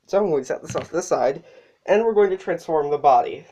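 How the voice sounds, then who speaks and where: A casual toy reviewer who sounds sick and a bit out of breath. The voice is mellow and relaxed, and the speaker stops to correct themselves along the way. The recording is dull and lo-fi. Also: mid-range voice, quick pace. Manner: casual, with fillers and self-corrections.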